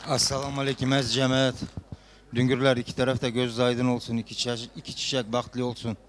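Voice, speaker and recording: Even-toned man congratulating, slightly noisy. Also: medium pitch, fast talker. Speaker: wedding guest giving blessings. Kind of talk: short congratulatory speech.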